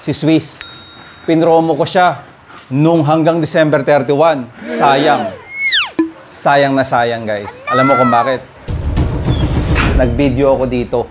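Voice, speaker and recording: A man's voice: medium pitch, fairly even intonation, slow, long pauses, very noisy. A man, a dog breeder chatting casually to viewers at his home kennel, often calling out "guys" and pointing things out. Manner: chatty, addresses viewers directly, frequent "guys" and "oh". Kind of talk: casual vlog talk to viewers. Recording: music bed under voice. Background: music playing.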